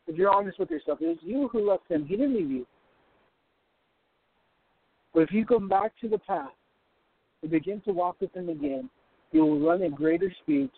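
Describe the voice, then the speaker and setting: Over a glitchy, tinny phone connection that keeps cutting out, a male caller delivers fervent prophetic preaching from his car as he drives through the hills. His high-pitched, gravelly voice exhorts the listener directly.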